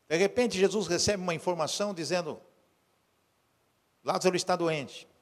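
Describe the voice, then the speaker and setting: Male pastor with a high voice, preaching in a church hall with long reverb. He swings from hushed storytelling to fervent calls. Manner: builds from low quiet storytelling to loud urgent preaching. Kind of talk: sermon.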